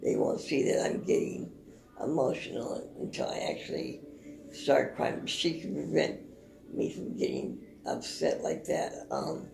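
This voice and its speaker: A woman calmly explaining her service dog's tasks in casual talk, halting often with fillers and restarts. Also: rumbling low, gravelly, roomy sound. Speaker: service dog owner.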